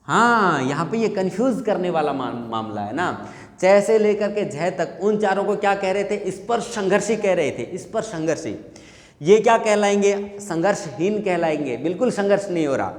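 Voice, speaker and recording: A man's voice: high-pitched, expressive, moderate pace. A man teaching a Hindi grammar lesson for exam prep, asking questions and answering them himself. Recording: echoey room with long reverb.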